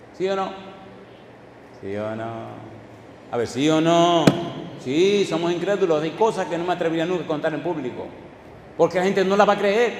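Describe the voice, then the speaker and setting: Male pastor, fairly high voice, emphatic call-and-response preaching, long reverb of a church hall. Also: slight background noise. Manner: call-and-response questions to the congregation; swings from hushed asides to loud emphatic declarations. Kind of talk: sermon. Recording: echoey hall with faint ambience.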